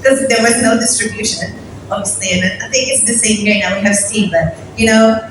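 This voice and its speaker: A young woman from Morocco giving a casual, self-deprecating conference talk to an audience. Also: medium pitch. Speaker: conference speaker. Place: large hall at a conference. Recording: echoey hall from far off, noisy.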